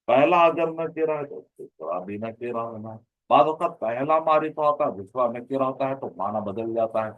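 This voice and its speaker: A man's voice: medium pitch, no room sound, narrow, tinny audio. A man teaching an online grammar class, explaining patiently, repeating points and asking rhetorical questions.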